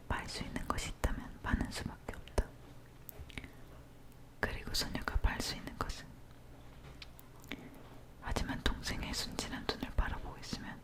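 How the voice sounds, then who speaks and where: Close to the ear microphone, a woman whispers a dark story in a hushed, breathy ASMR voice.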